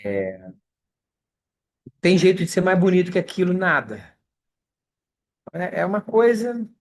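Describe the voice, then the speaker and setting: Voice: mid-range voice, big pitch swings, unhurried. Conversational Brazilian study group leader. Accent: Brazilian Portuguese. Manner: conversational, checks in with listeners often. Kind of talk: online scripture study lesson.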